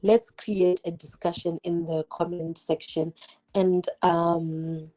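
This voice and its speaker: Speaking slowly in a low, dark voice with a level tone, a woman in her 20s from Zimbabwe livestreams from her home kitchen. English is her second language, the recording is rough, and fireworks can be heard outside. She cooks while chatting directly with viewers, peppering her talk with "like" and rhetorical questions.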